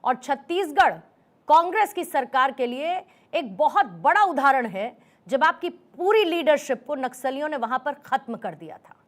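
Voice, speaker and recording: Female news debate anchor, high-pitched, long pointed questions, some English mixed in. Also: expressive, normal speed, a bit bright. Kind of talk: moderating a TV political debate.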